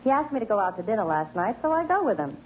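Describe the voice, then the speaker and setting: A woman delivering brassy, deadpan wisecracks in 1940s radio comedy acting, as a guest star. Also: mid-range voice, rapid-fire, a little hiss or hum. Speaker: guest singer. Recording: lo-fi old radio broadcast with band.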